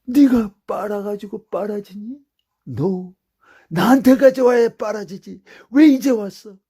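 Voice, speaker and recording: A man's voice: high voice, unhurried, mellow, slightly rough, pitched above the performer's own voice, heavily acted. A fond, pleading divine father, as a preacher voices him. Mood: tender, pleading. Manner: raised, pleading, fond reproach. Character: God as a loving, welcoming father.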